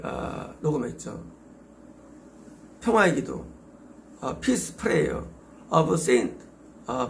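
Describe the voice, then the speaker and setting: Korean-accented male pastor, middle-aged, gravelly high voice, emphatic sermon delivery. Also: fairly bright tone, a little hiss or hum. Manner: emphatic, exhorting with rhetorical questions.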